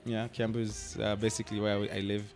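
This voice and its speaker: Speaking quickly at a fairly low pitch over soft background music, this young Kenyan man is an actor guesting on a radio show. The interview feels like a casual chat, full of laughter and fillers such as "like" and "I mean."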